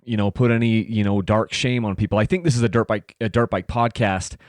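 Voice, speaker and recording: Male podcast host, late 30s, lowish voice, loose rambling delivery; dry close mic. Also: fairly quick, no room sound. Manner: rambling, many fillers and restarts. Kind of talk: casual solo podcast talk.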